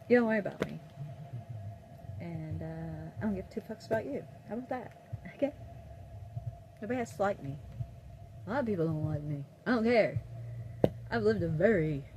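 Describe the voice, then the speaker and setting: This middle-aged vlogger has a lowish voice and an Appalachian West Virginia accent, heard over some background noise. Her talk is a loose, rambling chat with viewers, delivered bluntly, defiantly, and with plenty of cursing.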